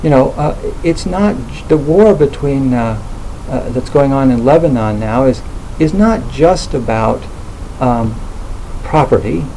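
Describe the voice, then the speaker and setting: A man speaking thoughtfully in a relaxed conversational talk, hesitating often with fillers and restarts. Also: mid-range voice, measured pace, slight background noise, rough recording.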